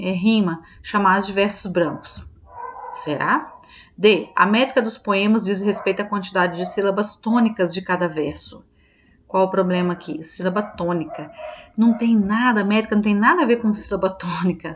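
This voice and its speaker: A Brazilian woman teacher talks through quiz answers in a relaxed, chatty online lesson. She thinks aloud, corrects herself, and keeps checking that her students follow. Her voice sits at an ordinary middle pitch for a woman. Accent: Brazilian Portuguese. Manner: chatty, checks in with listeners often.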